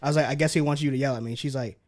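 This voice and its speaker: A young man co-hosting a casual podcast, telling stories with lively acted-out quotes. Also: medium pitch, rapid-fire. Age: young adult. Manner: animated storyteller, acts out quotes. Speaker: podcast co-host. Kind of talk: casual storytelling chat.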